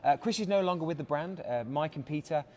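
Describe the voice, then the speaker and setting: A fast-talking man with an English accent, his voice fairly high and a little mellow, presents a product as a brand director at a bustling watch showroom event. His pitch is eager and smooth, peppered with "uh," and there's a little hiss or hum.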